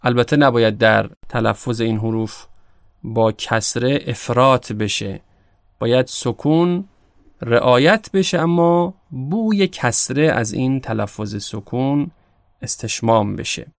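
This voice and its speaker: A Persian-speaking man teaching Arabic pronunciation for recitation, calm and measured, slowing down on the Arabic examples. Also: mid-range voice, gravelly, no echo, studio quality. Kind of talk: explanatory lesson.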